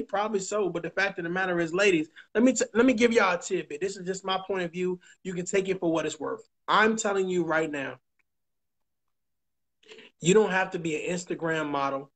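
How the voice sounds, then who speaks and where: A man's voice: fairly high pitch, a bit bright. Emphatic preachy man hosting a talk show. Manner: emphatic, preachy, swears, repeats points slowly. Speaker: podcast host.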